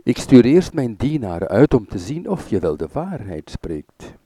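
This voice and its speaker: Man doing a sly, soft-spoken king. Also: mid-range voice, big pitch swings, normal speed, no echo. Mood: scheming. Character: scheming male island king, calm, deceitful.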